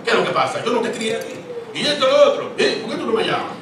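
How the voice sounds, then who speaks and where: A man voicing his scolding mother in a sermon, nagging him with rapid-fire questions. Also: very high voice, expressive, very echoey, far from the mic, crowd noise, pitched above the performer's own voice. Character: scolding mother, older woman, reproachful.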